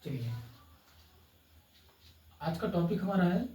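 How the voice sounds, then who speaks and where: A man, teaching a slow YouTube grammar lesson and often checking in with his students. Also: high-pitched, big pitch swings, mellow, reverberant, distant mic, low-quality recording. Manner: slow, drawn-out explaining with frequent "ठीक है" checks. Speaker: English teacher.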